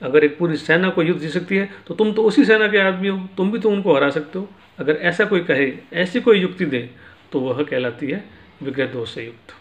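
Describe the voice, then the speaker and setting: A man's voice: on the high side, brisk. A man teaching philosophy in a patient lecture, explaining each point with everyday examples.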